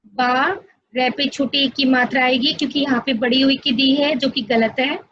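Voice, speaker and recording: A woman's voice: high voice, level tone, moderate pace, no echo, dull audio. A woman teaching an online class to young children, explaining patiently step by step and often addressing them directly. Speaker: school teacher.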